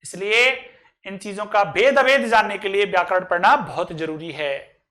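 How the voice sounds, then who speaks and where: Bright-voiced male grammar teacher. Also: high-pitched. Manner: recites verses slowly, then explains them. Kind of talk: online grammar lesson.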